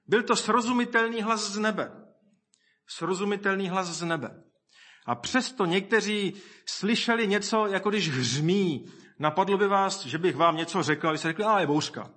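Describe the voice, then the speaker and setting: Man, sermon, husky bright voice, thoughtful preaching, slightly high. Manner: reflective, reads scripture aloud, quotes scoffers in lively voices.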